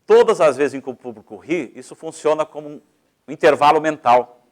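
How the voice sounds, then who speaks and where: A man with a Brazilian Portuguese accent, speaking in a slightly high register as he teaches. He lectures in a didactic way, walking through points one at a time and letting his loudness and speed rise and fall as he goes. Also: fairly quick. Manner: varies volume and pace freely, explains step by step.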